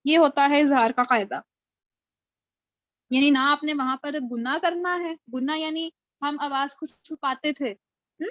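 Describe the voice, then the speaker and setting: High-voiced woman teaching a lesson. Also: fairly even intonation, pauses often, a bit bright, no room sound, lo-fi sound. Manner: patient, asks students questions and praises answers. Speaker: Quran recitation teacher. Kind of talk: online class lesson. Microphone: video call.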